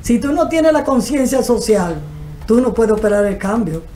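A woman's voice: a little high, lively intonation, normal speed, mellow, a little hiss or hum. An older woman from the Dominican Republic with a Dominican Spanish accent, speaking earnestly as a guest on a TV panel show, recorded on a desk mic in a studio. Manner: earnest, gesturing, speaks in long explanatory runs. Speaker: guest, cultural manager. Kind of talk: TV panel discussion. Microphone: desk microphone.

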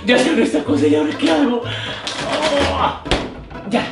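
A silly clown with the whiny, exclaiming manner of a greedy child. The voice sits very high in a roomy house, with loud music over it, as in a slapstick kids' show. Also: male voice, sing-song, normal speed. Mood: fussing. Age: young adult. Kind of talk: slapstick children's sketch comedy. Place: tiled living room and kitchen at home.

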